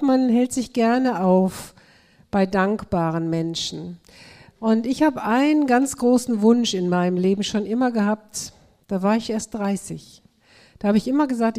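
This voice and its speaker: A middle-aged woman speaking to a church group in an earnest manner, reading aloud slowly and with emphasis. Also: medium pitch, warm tone.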